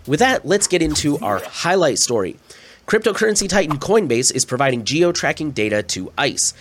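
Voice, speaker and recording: Soft music sits under a man reading the news for his podcast, his voice on the high side, fairly bright, and slightly scratchy from a cold that has him stuffy-nosed. He sounds very animated at a normal speed. His delivery is plain and chatty, dotted with casual asides.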